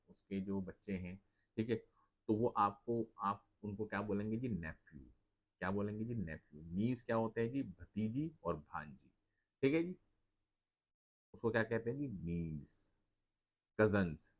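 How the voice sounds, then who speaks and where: Very low-voiced man teaching English words. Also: fairly bright tone. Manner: repeats the questions and tags lines with "जी" and "ठीक है"; asks a question, then answers it himself. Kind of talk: Hindi-Urdu vocabulary lesson.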